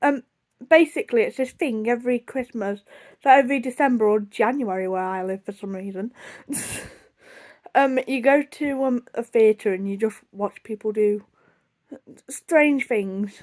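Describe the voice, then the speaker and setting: This video blogger from the United Kingdom is a young British woman whose voice sits fairly high, with a darkish tone and a slightly slow pace. Talking casually to her viewers, she tells her story in a rambling, chatty, self-deprecating way and often wanders off on tangents.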